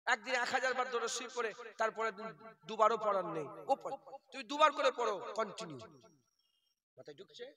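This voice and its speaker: A man's voice: high voice, a little fast, pushed and bright. A man, preaching a sermon and putting questions to the crowd in a repetitive, sing-song way. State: hoarse. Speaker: preacher at a religious gathering. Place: outdoor religious gathering.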